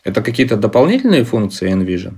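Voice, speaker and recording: A man co-hosting a software tutorial in a conversational discussion style. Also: medium pitch, big pitch swings, quick pace, breathy edge. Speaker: co-host asking questions.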